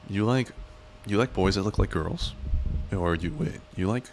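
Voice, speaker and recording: A man with a very low voice rambles through a casual live stream at a moderate pace, hopping from joke to joke and poking fun at himself. A faint hiss runs beneath the recording.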